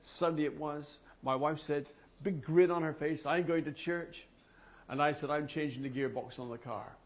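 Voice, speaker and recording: A man giving a personal testimony to a men's group, telling his story slowly and dramatically with long pauses. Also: a little high, steady tone. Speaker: speaker at a men's fellowship meeting.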